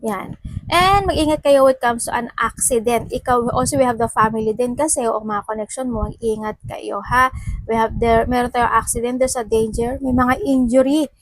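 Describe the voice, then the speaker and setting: A woman's voice: fairly high pitch, fairly even intonation, moderate pace, no echo, poor audio. Chatty woman reading tarot. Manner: chatty, mixing Tagalog and English, with frequent fillers and asides. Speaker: tarot reader. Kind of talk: casual tarot reading monologue.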